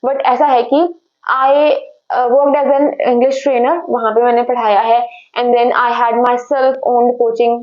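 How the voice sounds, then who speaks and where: A young woman vlogging from her room, talking casually to her viewers and slipping English phrases into her talk, often correcting herself. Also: high voice. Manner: chatty, mixes English phrases into Hindi, self-correcting. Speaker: study vlogger preparing for a civil service exam. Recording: slightly dull lo-fi sound.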